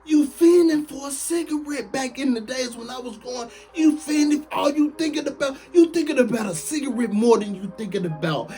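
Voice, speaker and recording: A man in his late thirties, a former prisoner, telling his story in casual, animated talk, full of slang and repeating lines for emphasis. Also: very high-pitched, normal speed, few pauses, soft background music. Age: late 30s.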